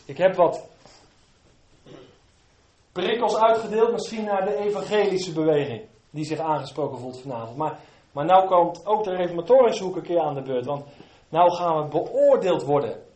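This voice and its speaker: A man preaching a sermon to his congregation, moving between quiet, low asides and loud, fervent emphasis. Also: expressive, normal speed, roomy sound.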